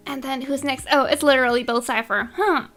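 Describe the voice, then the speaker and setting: Young woman gaming vlogger, high voice, giggly and excitable, casual commentary. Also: brisk. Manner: bubbly and excitable, giggles often. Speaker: gaming YouTuber.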